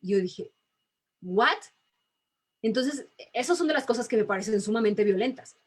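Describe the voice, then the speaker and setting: A woman voice teacher, talking emphatically in a relaxed interview and laughing often. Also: on the high side, fairly quick, husky. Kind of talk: casual video-call interview.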